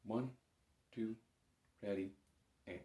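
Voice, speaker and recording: A bagpipe instructor with a voice on the low side teaches an informal, patient lesson to camera, moving step by step at a slow pace in a steady tone. The echoey indoor room recording has heavy background noise.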